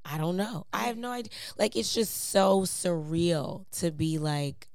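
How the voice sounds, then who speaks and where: A woman speaks in a lowish, gravelly voice that is clearly hoarse and raspy. She chats casually and playfully, using plenty of slang as she tells stories. The sound is close and dry. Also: a little slow, darkish tone, no room sound. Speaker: performer, singer and dancer. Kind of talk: casual chat, animated storytelling.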